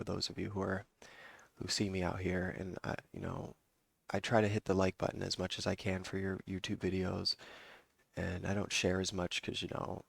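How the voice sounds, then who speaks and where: A man's voice: sits low, vocal fry, no room sound. A man giving a casual rambling update to his viewers, with many fillers and restarts. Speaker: vlogger and yoga teacher.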